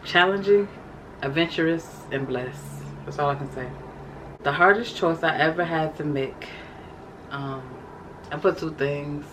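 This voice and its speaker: A woman's voice: sits low, noisy background. Chatty woman reading her journal aloud. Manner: chatty, addresses viewers as y'all. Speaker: vlogger. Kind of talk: casual vlog, reading from a journal.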